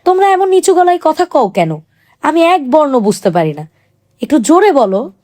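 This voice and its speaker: A woman's voice: sits high, very animated, moderate pace, darkish tone, voice pushed up. A woman voicing a sick, half-deaf young husband who petulantly keeps repeating his demands. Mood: frustrated, pleading.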